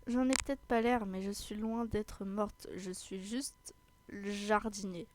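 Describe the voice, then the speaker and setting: A woman voicing a talking skeleton gardener who speaks slowly and low. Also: steady tone, background noise, close to an everyday voice. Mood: calm.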